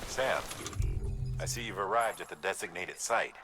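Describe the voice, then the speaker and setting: An actor playing a middle-aged male mission director giving a courier instructions in game dialogue, measured and instructive. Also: low-pitched, over music, lightly acted. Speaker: mission giver.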